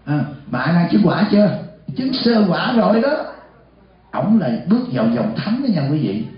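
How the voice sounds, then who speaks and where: Senior monk preaching to a live audience; raised pitch, big hall echo, muffled recording. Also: male voice, normal speed. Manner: lively, asks the audience questions and acts out short dialogues. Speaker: senior monk giving a dharma talk. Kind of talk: sermon. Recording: echoey hall, dull lo-fi sound.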